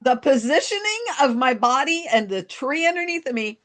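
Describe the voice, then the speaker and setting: A woman's voice: high voice, sing-song, normal speed. A middle-aged woman co-hosting a podcast, telling a story in casual chat and laughing at herself. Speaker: podcast co-host.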